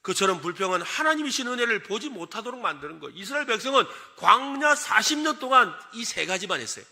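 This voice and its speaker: Bright, animated Korean pastor preaching. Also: male voice, high-pitched, fast talker, vocal fry. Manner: lively and animated, acts out complaining voices and asks the congregation questions. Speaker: senior pastor. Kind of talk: sermon.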